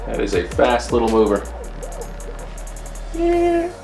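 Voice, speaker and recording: A man with a low, gravelly voice talks loosely through a gear review, thinking out loud as he fiddles with equipment. Soft music plays faintly behind him in an indoor room. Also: fairly even intonation, normal speed. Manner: loose and chatty, thinking aloud while setting up gear. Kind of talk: casual product review vlog.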